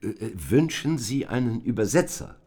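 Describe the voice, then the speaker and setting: A man's voice: mid-range voice, big pitch swings, moderate pace, warm tone, husky. An actor playing a stern, formal committee chairman who reads a statement and swears in witnesses in a radio play. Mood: officious. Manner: formal, emphatic, officious. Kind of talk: radio play reenacting a hearing.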